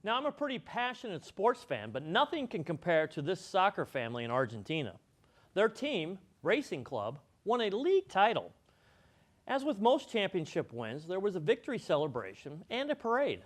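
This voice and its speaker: A man's voice: high-pitched, wildly swooping pitch, moderate pace. A man presenting scripted comedic news as the show's anchor.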